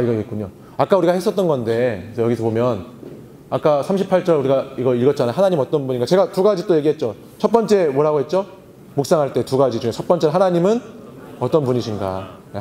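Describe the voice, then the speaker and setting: A male pastor leads a seminar on Bible meditation at a church youth retreat. His tone is mellow and he teaches with questions to the room. The sound carries a long hall reverb over faint ambience. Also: mid-range voice, slight background noise. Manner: teacherly, asks the audience questions and answers himself.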